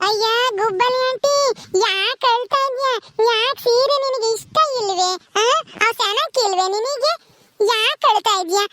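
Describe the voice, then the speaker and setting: A woman voicing a small, cheeky and curious girl who asks slow, drawn-out questions in a home comedy skit. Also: extremely high pitch, a bit bright, no room sound, pitched above the performer's own voice.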